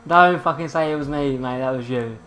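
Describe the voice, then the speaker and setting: A young man giving casual, excitable gameplay commentary, swearing and laughing often. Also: medium pitch, fairly quick, a crowd in the background. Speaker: gaming channel host.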